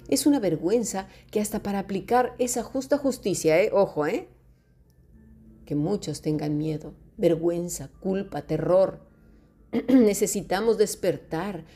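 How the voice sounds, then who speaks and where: A woman's voice: mid-range voice, warm tone. A woman preaching a sermon who speaks straight to her listeners and mocks fearful, whining voices.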